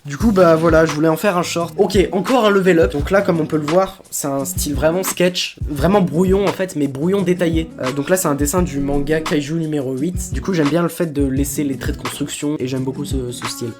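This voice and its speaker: A man's voice: a little high, fairly quick, hardly any pauses, over music. A young man casually commenting on his own sketchbook drawings, rambling and poking fun at his own work. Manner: self-mocking, jokey, chatty with many fillers. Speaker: vlogger showing his sketchbook.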